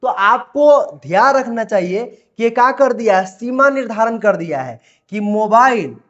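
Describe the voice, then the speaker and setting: A man teaching grammar, explaining patiently and repeating phrases, reading his examples out slowly word by word. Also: sits high, expressive, fairly bright tone, muffled recording. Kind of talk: classroom lesson explanation.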